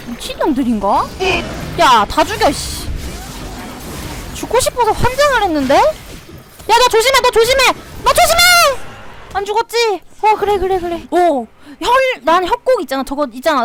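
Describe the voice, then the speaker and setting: A young woman streaming a game, excitedly talking to herself and shouting at the action as she plays. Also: extremely high pitch, background noise. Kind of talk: live gameplay commentary.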